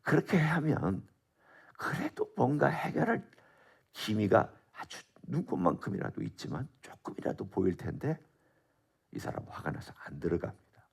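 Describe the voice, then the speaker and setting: A man's voice: medium pitch, big pitch swings, normal speed, creaky, slightly rough. A middle-aged male pastor giving an expository Bible sermon at a dawn prayer service, talking conversationally and asking his listeners questions. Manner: conversational preaching with rhetorical questions.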